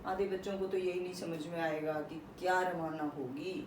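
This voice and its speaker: A woman teacher explaining a poem to her class, working through examples slowly and often checking whether her students follow. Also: lowish voice, steady tone. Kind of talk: classroom poetry lesson. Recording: echoey room, voice from far off, faint noise.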